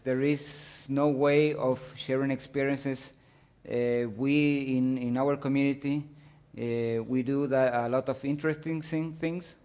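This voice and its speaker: At a conference, a man gives a technical talk and guides listeners through his slides. He speaks haltingly, pausing often and restarting while he hunts for words. His voice is a typical middle pitch for a man, with a somewhat dark tone.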